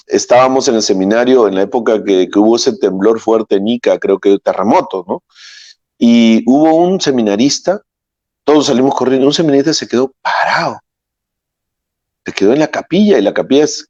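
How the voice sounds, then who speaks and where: Priest telling stories in a homily, lots of ums and restarts, dry muffled recording. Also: male voice, mid-range voice, mellow, no room sound. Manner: rambling, searches for words, many fillers. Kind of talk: homily with anecdotes. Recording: dull, dry lo-fi sound.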